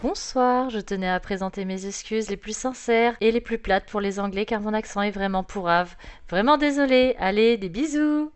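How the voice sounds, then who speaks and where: A young woman from France offers casual gameplay commentary in a mid-range voice at a normal speed, her French accent clear. Chatty and self-deprecating, she mutters to herself while playing, with game music and slight background noise in the recording.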